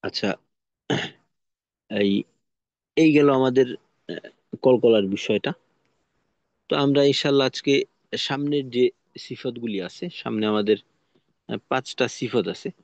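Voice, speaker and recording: A man teaching Quran recitation in an online lesson, explaining slowly and patiently with pauses. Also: medium pitch, a little mellow, no echo, highs cut off.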